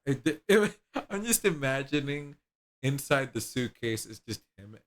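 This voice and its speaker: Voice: mid-range voice, very animated, measured pace. A streamer chatting casually and laughing while playing a game on a live stream, rambling with restarts.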